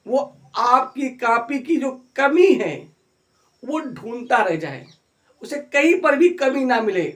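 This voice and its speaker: Male teacher, really high voice, cheering students on, slows way down on examples. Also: a bit bright. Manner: exhorting, draws out example phrases slowly. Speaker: English teacher. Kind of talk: encouraging grammar lesson.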